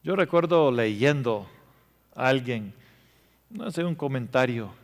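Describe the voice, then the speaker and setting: A man preaching a sermon, telling emotional stories and swinging between loud passages and hushed ones. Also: mid-range voice, animated, slow. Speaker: pastor. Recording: reverberant hall.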